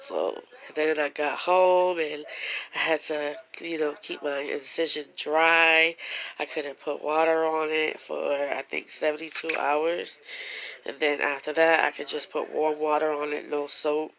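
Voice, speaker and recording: A woman's voice: low voice, level tone, measured pace, fairly bright tone, poor audio. A young woman telling a personal story to her viewers in a casual, emotional way, at times fighting back tears, with features. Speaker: vlogger.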